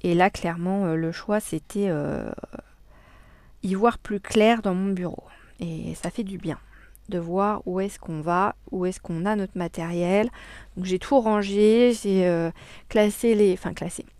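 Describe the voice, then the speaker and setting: A woman's voice: lowish voice, unhurried, a little mellow, dry recording. Woman vlogger, casual crafting chat, dry close sound, cheerful, hesitant delivery full of fillers. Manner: cheerful and enthusiastic. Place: home craft desk.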